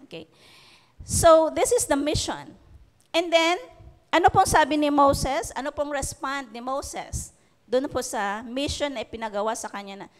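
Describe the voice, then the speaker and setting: A woman preacher with a Filipino accent and a high-pitched, slightly bright voice delivers a sermon in a large hall. She reads scripture and punctuates her talk with "okay?" and "di ba?" to check in with the congregation.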